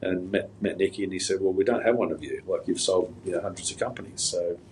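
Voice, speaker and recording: A middle-aged man answering interview questions in a relaxed, anecdotal way, wandering through stories with plenty of fillers and restarts. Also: low-pitched, fast, slight background noise, rough recording. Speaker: guest. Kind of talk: casual interview storytelling.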